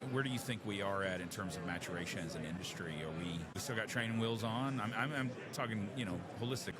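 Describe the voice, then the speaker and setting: A man's voice: on the low side, fast, a loud crowd. A man with a Texas accent hosting a podcast live from a convention showroom floor, friendly and conversational. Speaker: podcast host.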